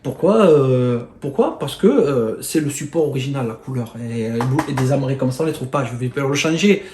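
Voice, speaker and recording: A man with a Marseille accent, chatting casually to camera about his bargain finds, excitable and rambling with lots of fillers and mild swearing. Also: medium pitch, fairly quick. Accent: Marseille French. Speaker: video host showing flea-market finds. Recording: echoey room with faint noise.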